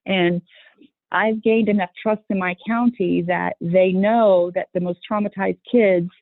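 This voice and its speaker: Her medium-pitched voice stays at a measured pace with fairly even intonation and no echo, over a tinny phone line. She is a guest in a conversational interview about the youth horse program she runs, speaking earnestly about children, frequently restarting sentences, and acting out quoted voices.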